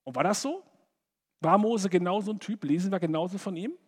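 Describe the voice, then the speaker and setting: Higher-voiced man preaching in a hall. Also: brisk, breathy edge. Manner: conversational, animated, acts out imagined quotes. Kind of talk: sermon to young people.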